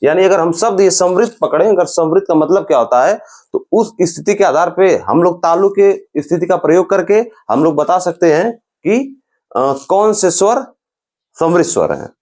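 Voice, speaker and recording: A man teaching grammar in a lecture style. He explains slowly, repeats sounds and terms, and keeps calling the listener's attention. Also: high-pitched, expressive, darkish tone.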